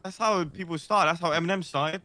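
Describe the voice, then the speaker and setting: A man streaming an in-character role-play game, teasing with deadpan banter. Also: fairly high pitch, brisk, no room sound.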